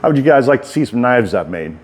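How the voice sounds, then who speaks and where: A man's voice: mid-range voice, big pitch swings, fast, darkish tone, slight background noise. A middle-aged American man giving a casual, rambling walk-through tour in folksy, informal speech, talking out of the side of his mouth. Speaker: writer and bladesmith giving a workshop tour.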